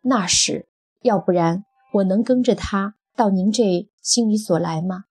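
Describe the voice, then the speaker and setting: A woman voicing a childish, defensive husband who rambles in a folksy way, with a breathy voice. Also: medium pitch, measured pace.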